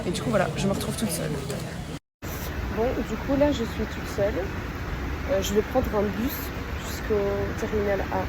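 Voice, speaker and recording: Belgian French teen girl, casual phone travel vlog, chatty, mid-pitched, heavy background traffic noise. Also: moderate pace. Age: teens. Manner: chatty, self-mocking, talks straight to camera. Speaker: exchange student vlogger. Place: airports, buses and planes while travelling.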